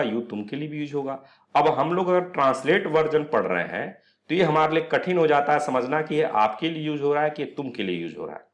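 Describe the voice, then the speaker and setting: A man teaching an online astrology class, explaining step by step, posing questions and answering them himself, mixing English words into his Hindi. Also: a little high.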